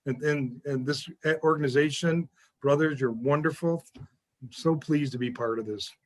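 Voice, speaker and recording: A man speaking with halting emotion and gratitude as a guest on a video call. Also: a little high.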